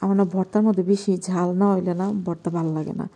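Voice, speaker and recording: Casting a Bangladeshi woman vlogger with a hushed night-time kitchen voice, very warm and dark. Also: lowish voice, steady tone, very fast, breathy edge. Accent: Bangladeshi Bengali. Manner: talking softly and quietly at night. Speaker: vlogger cooking at home. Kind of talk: casual cooking vlog narration.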